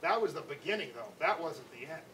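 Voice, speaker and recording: A middle-aged man, an anti-bullying educator, telling a personal story to schoolchildren in an animated, conversational way. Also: a little high, a little fast. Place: classroom or school hall. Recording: distant mic, faint room noise.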